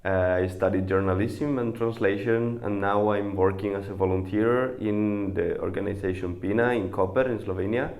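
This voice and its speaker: A man, his voice low and gravelly. His delivery is halting and full of fillers as he talks to camera about his volunteer work. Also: steady tone, a little mellow. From Spain. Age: 20s. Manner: halting, many pauses and fillers. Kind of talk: interview to camera.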